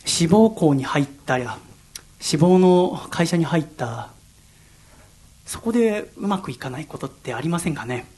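A young man from Yokohama hosts a solo radio talk, speaking in a fairly high voice. He tells personal stories earnestly and reflectively. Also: expressive, unhurried, a little mellow. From Yokohama, Japan. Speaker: radio host.

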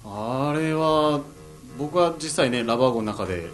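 A man voicing a calm young male fellow cast member who recalls things slowly and steadily. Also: mid-range voice, natural voice. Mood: subdued. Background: acoustic guitar music.

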